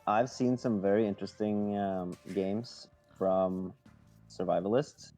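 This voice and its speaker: A man co-commentating a strategy game match, relaxed and hesitant, with many fillers. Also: fairly low pitch, a little slow. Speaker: co-caster. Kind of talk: esports commentary. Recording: faint game music behind.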